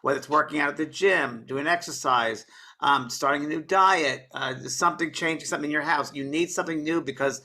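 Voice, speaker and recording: A man's voice: a little high, a little fast, sharp tone. A man working as a psychic medium, giving earnest, coaxing readings to audience members and calling them honey and baby.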